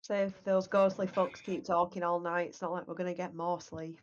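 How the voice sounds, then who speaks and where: A woman plays a tabletop game. Her voice sits fairly low and she chats casually, over a dull, lo-fi recording. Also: flat delivery, moderate pace.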